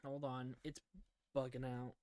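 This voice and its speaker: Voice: medium pitch, flat delivery, measured pace, mellow, clear, resonant tone, dry recording. A game master running a tabletop game on stream, talking casually and cursing when the tech breaks. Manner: casual, swears at tech trouble.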